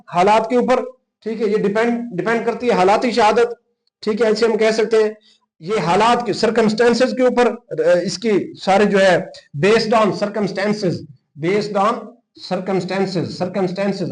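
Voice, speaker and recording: Over a rough recording, a man with a high-sitting voice and a Pakistani accent teaches law exam prep informally. He explains, dictates notes, repeats key terms, and mixes English technical and legal words into Urdu speech.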